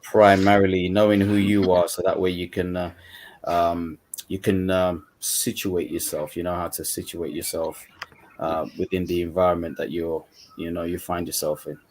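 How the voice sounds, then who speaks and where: Very deep-voiced man, easy casual talk. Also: little pitch movement, normal speed, darkish tone. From Uganda, then UK. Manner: casual, repeats "you know". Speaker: coach and mentor, panel guest. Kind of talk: online panel discussion. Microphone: video call.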